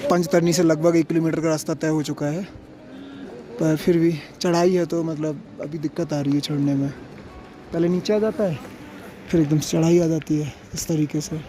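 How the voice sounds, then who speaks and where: Background noise surrounds a man with a fairly high voice who vlogs outdoors on a mountain trail. Ill with a fever and fatigued from the climb, he narrates his trip casually and gives viewers friendly advice.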